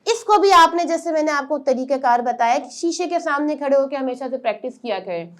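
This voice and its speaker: A woman with a high-pitched, animated voice teaches Quran letter pronunciation step by step. She explains patiently, then draws out each letter sound slowly and loudly.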